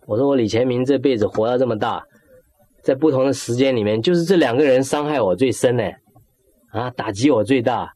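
A man's voice: medium pitch, brisk, mellow. A middle-aged man giving an emotional personal faith testimony, acting out his own prayers and dropping in English words. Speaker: testimony speaker.

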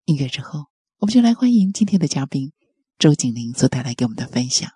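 A host softly and reflectively introducing a guest on a faith program. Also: mid-range voice, big pitch swings, fast talker, background noise.

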